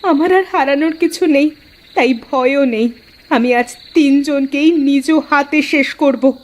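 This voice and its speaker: An actress playing a grieving young widow in a cartoon drama, speaking with bitter determination. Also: female voice, high-pitched, a little slow. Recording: faint music behind the voice.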